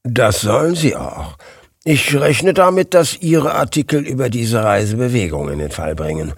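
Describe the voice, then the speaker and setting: A man voicing a composed, deliberate male detective in an audiobook. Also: animated, vocal fry, slightly rough, no room sound, clean studio sound, exaggerated voice. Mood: calm. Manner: composed, deliberate, lower-pitched. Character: calm, measured male detective. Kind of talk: audiobook character voice.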